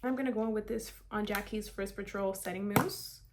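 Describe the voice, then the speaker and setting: A beauty vlogger in her twenties from South Florida chats casually through a hair tutorial, upbeat and full of "like" and "kinda" fillers. Her mid-range voice holds a steady tone at a brisk pace, and the recording is very noisy.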